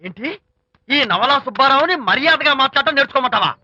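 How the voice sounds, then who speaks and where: A man's voice: very high voice, lively intonation, brisk, sharp tone, dry recording, heavily acted. A bossy, boastful film father. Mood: bickering. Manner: teasing, boastful banter. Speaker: comic film character, the bride's father. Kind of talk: Telugu film comedy acting. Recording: dull film soundtrack with music.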